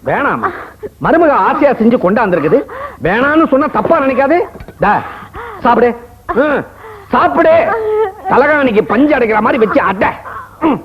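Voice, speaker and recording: A man's voice: very high voice, sing-song, moderate pace, pauses often, background noise, exaggerated voice. A man playing a put-upon father-in-law who grumbles and complains in a comic way. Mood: grumbling. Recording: dull lo-fi film soundtrack with music.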